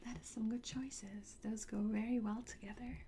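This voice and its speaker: A woman with a fairly high voice whispers close to the mic, breathy and soothing, as a calm and polite trainer in an ASMR roleplay. Her slow, gentle delivery addresses the listener directly, broken by soft pauses and hums, and background noise is clearly audible.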